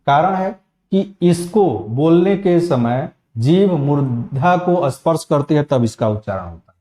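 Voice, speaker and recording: A man giving a spoken grammar lesson, slowly and methodically spelling out sounds one at a time. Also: on the high side, mellow. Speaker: Hindi teacher.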